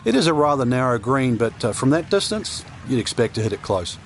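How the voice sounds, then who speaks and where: A man's voice: medium pitch, big pitch swings, a little fast. A man giving conversational golf commentary as an analyst, explaining the shots and the course. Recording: clear outdoor background noise.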